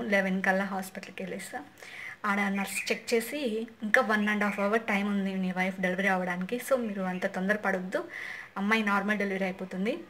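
A woman's voice: medium pitch, a bit bright. A young woman vlogger casually recounting a personal story, chatty and often repeating herself. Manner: chatty, repeats and restarts phrases. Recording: faint background noise.

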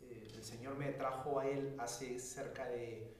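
A man's voice: medium pitch, steady tone, measured pace, heavy reverb, distant mic, a little hiss or hum. A man from Peru introducing himself as a student, hesitant with many fillers.

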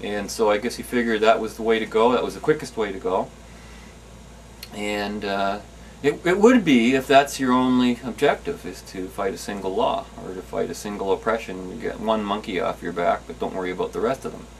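A low-voiced man reflects in an interview, pausing over his words. He sits a little off-mic, and faint noise sits behind him. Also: far from the mic, poor audio. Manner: hesitant, with fillers and restarts.

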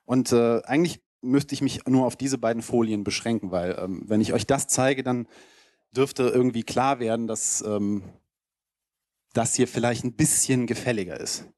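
On a lecture hall stage in front of an audience, a man delivers a casual, rambling keynote as an informal slide presentation. His voice sits at a normal pitch with a darkish tone, and he talks at normal speed. A handheld microphone held close yields a pretty dry recording.

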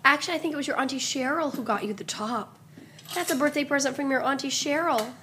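A woman's voice: sits high, fast talker, background noise. A young woman, a mother, patiently coaxing her toddler with simple questions in a home video.

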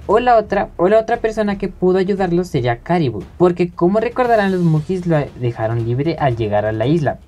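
Low-voiced woman recapping a manga chapter. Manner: conversational, addressing viewers directly. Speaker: anime and manga youtuber. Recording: soft background music.

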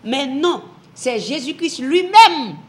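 Emphatic high-voiced woman teaching scripture. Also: big pitch swings, slow. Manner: emphatic, repeats phrases, asks rhetorical questions. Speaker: Bible teacher. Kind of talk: televised Bible teaching.

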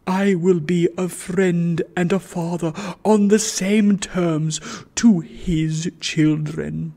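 A man reading aloud and voicing a pompous, self-righteous wealthy old gentleman who speaks with solemn majesty. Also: sits high, fairly even intonation, slow, creaky, voice pushed up, exaggerated voice. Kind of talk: audiobook reading.

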